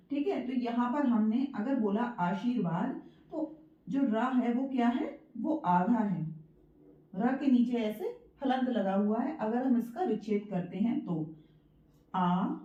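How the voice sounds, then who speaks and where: A woman with a fairly high, mellow voice gives a patient spoken lesson. She repeats her points, checks in with her listeners and slows down to sound out words one syllable at a time. The room is echoey and the recording sounds dull and lo-fi. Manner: spells out words slowly syllable by syllable. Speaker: Hindi teacher. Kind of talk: spoken Hindi writing lesson.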